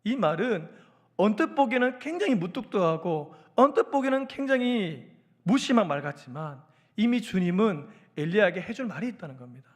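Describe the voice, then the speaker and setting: A man preaching a sermon as a pastor, telling the story in an animated, engaging way. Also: high-pitched, brisk.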